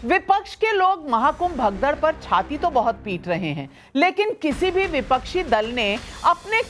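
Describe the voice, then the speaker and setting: A woman's voice: high-pitched, fairly bright tone, a little hiss or hum. A woman anchoring a TV debate, cutting in firmly to keep order among the panelists. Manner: firm, cuts in to keep order. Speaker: news anchor. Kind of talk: moderating a TV debate.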